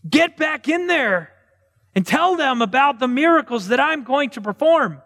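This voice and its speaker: A man's voice: very high voice, animated, a little slow, a bit bright, in a large hall, pitched above the performer's own voice, exaggerated voice. A man voicing God as a mighty, playful braggart, teasing and boastful. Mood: incredulous boasting.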